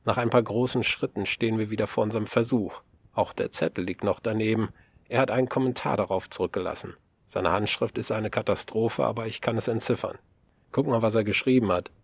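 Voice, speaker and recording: A man giving a calm, measured first-person narration in an audiobook. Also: on the low side, gravelly, slightly rough.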